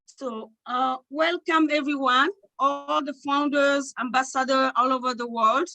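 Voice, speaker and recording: A woman from Togo, co-hosting an online panel, speaking with excitement and many halting fillers. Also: sits high, gravelly, poor audio. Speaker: co-host.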